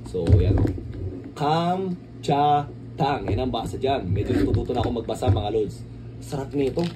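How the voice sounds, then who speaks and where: In this unboxing vlog, a Filipino-accented man talks in a medium-pitched, animated voice at a moderate pace. He wanders from point to point and keeps adding tag questions as though asking viewers to agree. A distant mic leaves the recording noticeably noisy.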